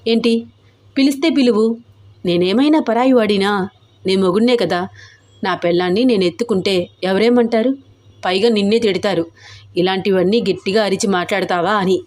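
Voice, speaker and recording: A woman's voice: medium pitch, normal speed, long pauses, darkish tone, lightly acted. A woman voicing a pushy, teasing young husband in a read-aloud love story, coaxing and insistent. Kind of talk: storybook character voice.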